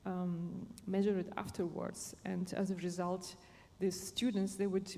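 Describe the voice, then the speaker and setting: Mellow woman from Germany, echoey hall. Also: lowish voice, level tone, vocal fry. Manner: halting, searching for words. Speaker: panel speaker on positive psychology. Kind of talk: unscripted panel explanation. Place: conference stage in a large hall. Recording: echoey hall, faint background noise.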